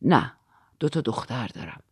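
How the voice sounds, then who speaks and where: A woman voicing a courteous, melancholy male count in an audiobook, speaking low, slow and gently ironic. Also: very animated, slightly rough, dry recording, clean studio sound, full character voice. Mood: wry, quiet.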